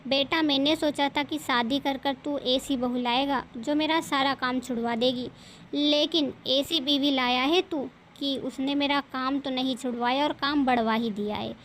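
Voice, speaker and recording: A woman voicing a sharp-tongued older mother-in-law who scolds and complains. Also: high voice, steady tone, normal speed, slight background noise. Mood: complaining. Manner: nagging, exasperated complaining.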